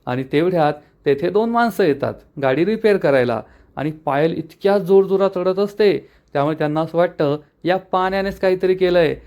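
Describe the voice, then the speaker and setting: Guy recapping a tv serial episode, steady plain storytelling, slightly high voice. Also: fairly quick.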